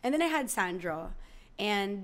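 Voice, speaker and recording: A woman, an actress speaking as an interview guest in a reflective, halting way with many restarts. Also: mid-range voice, animated, fairly bright tone. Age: 30s. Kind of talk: candid interview talk.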